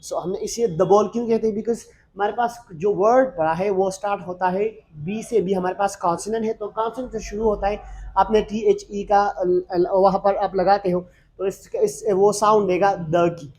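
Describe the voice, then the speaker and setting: Male tutor, higher-pitched voice, patient step-by-step explainer who loops back and repeats. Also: steady tone, normal speed, a little mellow. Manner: explains step by step, repeats words and restarts, often says "matlab". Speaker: English teacher. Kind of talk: recorded lesson explaining grammar.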